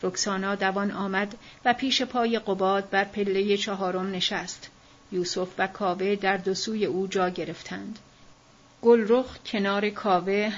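A woman narrating a novel as an audiobook in a measured, even reading voice. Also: mid-range voice. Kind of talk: scripted literary narration. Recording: dull lo-fi recording.

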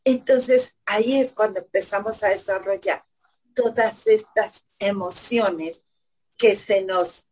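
A woman psychotherapist, explaining calmly step by step in an interview, often asking herself questions. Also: mid-range voice, slow pace, breathy edge, low-quality recording. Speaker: psychotherapist guest.

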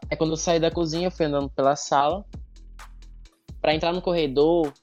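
A man's voice: on the high side, steady tone, brisk, a little mellow. A man telling a ghost story in a rambling, casual way, with many fillers and some laughter, as a guest on a podcast. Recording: dull lo-fi sound with faint music.

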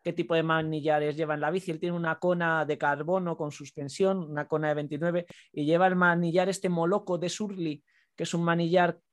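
A man from co-hosting a casual podcast, talking in a relaxed, rambling way with frequent restarts. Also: on the high side, brisk. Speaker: podcast co-host. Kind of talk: casual chat.

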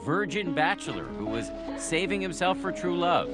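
An American TV news reporter reads scripted narration in a dramatic headline style over a clear music bed. His voice is fairly high and sing-song, at a normal speed.

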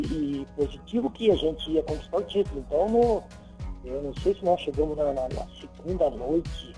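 A Brazilian man in his sixties, a former footballer, reminiscing casually in an interview, halting and repeating words as he recalls. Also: a little high, mellow. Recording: muffled, band-limited sound, faint music.

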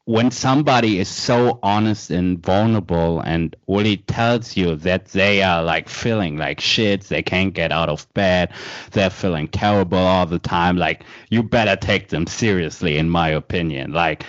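Deep voiced podcast guy, laid back, laughs a lot, dry close sound, bit muffled. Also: no room sound. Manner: relaxed, laughs often, quick affirming "mm" and "yeah". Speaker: podcast host. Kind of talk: casual podcast chat.

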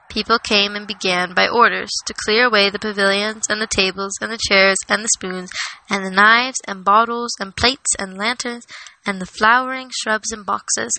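A woman reading a novel aloud in a plain, steady way, with small slips. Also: mid-range voice, low-quality recording. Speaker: reader.

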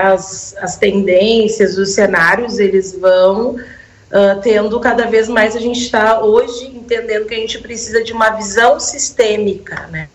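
A woman speaking on speakerphone as a guest researcher, explaining her points in a remote interview and tagging her sentences with questions. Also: mid-range voice. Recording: echoey, dull speakerphone call audio.

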